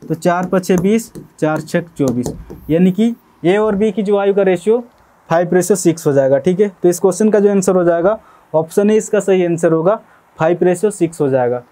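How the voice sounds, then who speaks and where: High-pitched, mellow-voiced male maths tutor. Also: moderate pace. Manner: explanatory, repeats "theek hai" to check understanding. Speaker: math teacher. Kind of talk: step-by-step maths lesson.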